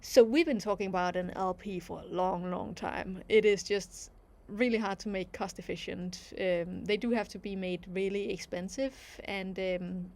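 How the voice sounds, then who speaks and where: Reading out viewers' questions in a relaxed livestream, this animation creator from Denmark, speaking with a Danish accent, gives thoughtful replies full of filler words. She has a medium-pitched, slightly mellow voice with a steady tone and a moderate pace.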